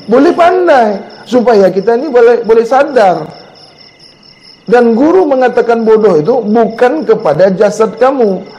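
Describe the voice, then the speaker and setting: A male religious teacher, giving a repetitive, scolding Sufi sermon that rises to sharp outbursts. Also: high-pitched. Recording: dull sound with long reverb.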